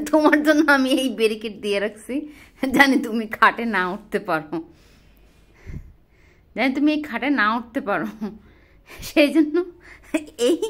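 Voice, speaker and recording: A woman's voice: fairly high pitch, a bit bright. A woman talking to her pet rabbit at home in a casual vlog, half scolding and half teasing it in playful baby talk. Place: home bedroom.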